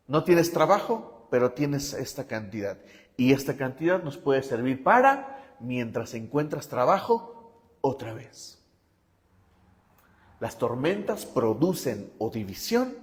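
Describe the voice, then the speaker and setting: A man's voice: a little high, in a large hall. A male pastor preaching a sermon with emphasis, often asking the congregation whether they follow him.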